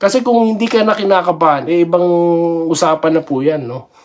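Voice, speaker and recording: A man's voice: fairly high pitch, brisk. A man talking about basketball in a casual vlog, chatty, laughing often and tagging his sentences with little questions. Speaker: basketball vlogger. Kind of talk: casual sports commentary vlog.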